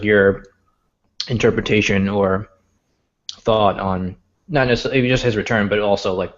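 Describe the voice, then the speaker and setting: A man with a fairly low voice chats on a podcast, feeling his way through his points with a lot of ums and likes. The sound is muffled and lo-fi. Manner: hesitant, many fillers. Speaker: podcast co-host. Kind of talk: casual podcast chat.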